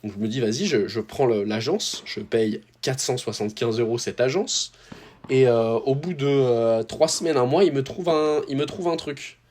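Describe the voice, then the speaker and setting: A man's voice: medium pitch, normal speed, a little mellow. A young man from France telling a rambling, slangy story to his viewers, with lots of fillers and restarts. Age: young adult. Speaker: tennis YouTuber.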